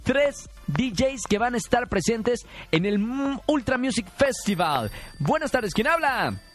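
Playful Mexican male radio host, very high-pitched, over a faint music bed. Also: unhurried. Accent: Mexican Spanish. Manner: playful, teasing, energetic. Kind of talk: call-in radio giveaway.

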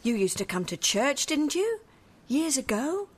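A woman's voice: sits high, very animated, unhurried. An actress playing a kind, devout woman neighbour who speaks earnestly and reassuringly in a radio drama. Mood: encouraging.

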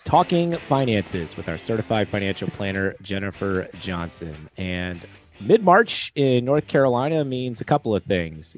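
A man hosting a finance podcast in casual chat, talking with many restarts and fillers. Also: medium pitch. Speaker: podcast host.

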